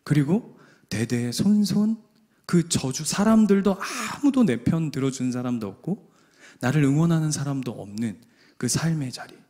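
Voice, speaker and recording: A man's voice: on the high side, animated, moderate pace, warm tone. A man preaching a sermon in an emphatic way, often putting questions to the congregation. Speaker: pastor.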